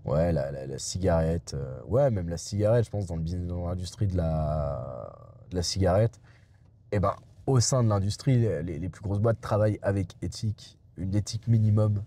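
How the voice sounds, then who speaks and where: A man's voice: low-pitched, animated, normal speed, dark tone. A young adult man vlogging from inside a car, rambling and digressive, with many hesitations and restarts. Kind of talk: rambling casual monologue.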